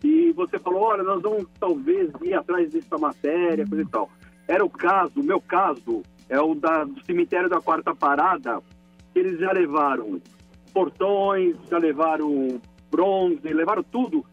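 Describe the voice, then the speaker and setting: A man, heard over a muffled phone line. His voice sits high and sounds husky, and he tells his complaint in an indignant, emphatic way. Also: lively intonation, normal speed, dry recording, faint music behind. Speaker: caller. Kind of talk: call-in complaint.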